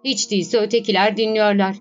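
A woman's voice: mid-range voice, little pitch movement, fairly quick, lightly acted. A woman reading as an exasperated poet. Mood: resigned. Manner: exasperated, sighing complaints. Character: frustrated struggling male poet playwright. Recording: slightly dull recording, faint music.

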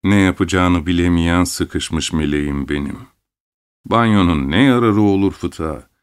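A man's voice: low-pitched, a little slow, clear, resonant tone, voice pushed down. A man voicing the mocking, singsong inner voice of a doctor's fear. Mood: mocking soothing. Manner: teasing, singsong.

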